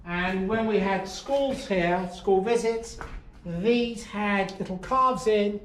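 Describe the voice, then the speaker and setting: A man's voice: sits high, slow. A man, a farmer casually explaining his place as he shows someone around. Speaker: farmer, farm owner. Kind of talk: casual explanation while showing a farm. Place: farm sheds and yard. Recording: echoey farm sheds, faint noise.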